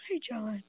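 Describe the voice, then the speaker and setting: A woman's voice: fairly high pitch, dark tone, breathy edge, dull audio. A young girl who hosts a homemade podcast drama, talking in a chatty, rambling, emotional way. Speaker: podcast host and drama player.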